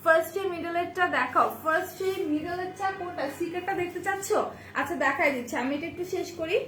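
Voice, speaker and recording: A woman's voice: very high voice, fast, a bit bright, slight background noise. A woman from Bangladesh, hosting a live sales stream and greeting each viewer by name. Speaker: live-stream seller and host. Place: indoor shop with bags on display behind her. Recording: echoey room with faint ambience.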